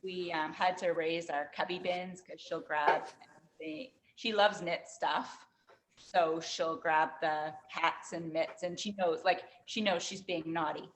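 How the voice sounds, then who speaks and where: A woman's voice: lowish voice, fairly even intonation, unhurried, poor audio. A woman dog owner in a training class, telling rambling stories about her puppy's habits. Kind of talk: casual chat.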